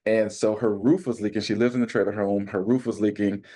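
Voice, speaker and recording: Enthusiastic low-voiced man from Arizona. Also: little pitch movement, fairly quick, warm tone. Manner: enthusiastic, storytelling, exclamatory. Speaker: community minister. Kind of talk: casual podcast chat.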